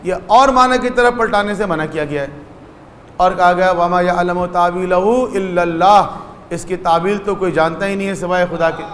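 A man's voice: high voice, in a large hall, a little hiss or hum. A man giving a religious lecture, explaining step by step and acting out short dialogues in his stories.

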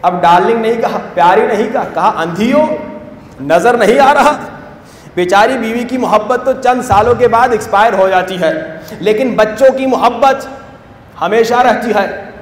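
A man preaching a fervent sermon in a high, ringing voice. He swings from loud exclamations to hushed, low asides. The sound is roomy, with a long hall reverb trailing each phrase. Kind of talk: impassioned sermon.

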